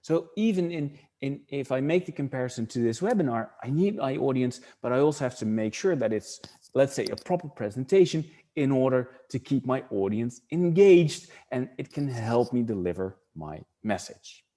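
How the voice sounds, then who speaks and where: Leading an online webinar in English, this middle-aged presenter from the Netherlands has a clear Dutch accent and a warm, mellow, medium-pitched voice. He's expressive and speaks at normal speed with hardly any pauses, though his delivery wanders as he thinks aloud, doubling back on words and restarting sentences.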